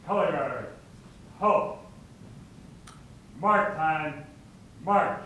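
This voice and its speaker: A man calling color guard drill commands in slow, drawn-out shouts, heard from away from the microphone. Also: a little high, animated, husky. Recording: far from the mic.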